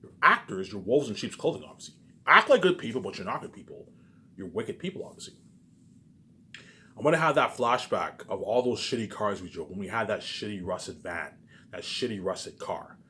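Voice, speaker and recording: The speaker is a vlogger ranting unscripted to camera, agitated and profane, rambling repetitively and frequently stumbling and repeating words. He has a fairly low, sharp, animated voice at normal speed.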